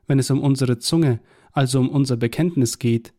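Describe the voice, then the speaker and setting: A man reading a devotional Bible tract aloud in a measured, earnest way, quoting scripture verses. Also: medium pitch, warm tone.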